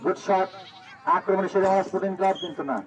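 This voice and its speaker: A Bangladeshi man giving excited, urgent live football commentary, repeating players' names and calls. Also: high voice, racing, recorded from a distance, muffled recording, a crowd in the background. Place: outdoors at a local football ground.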